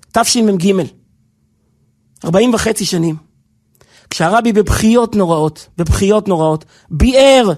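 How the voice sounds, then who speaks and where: This rabbi, whose voice is strikingly high, delivers a fervent sermon. He climbs to near-shouts, then sinks to a hush, swinging between soft and loud while staying earnest and emotional the whole way.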